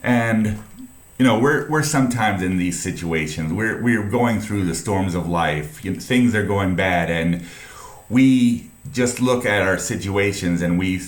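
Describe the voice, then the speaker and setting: Male preacher, very low voice, slow halting earnest delivery. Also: roomy sound. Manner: halting, many restarts and fillers, earnest. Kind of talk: informal sermon retelling a Bible story.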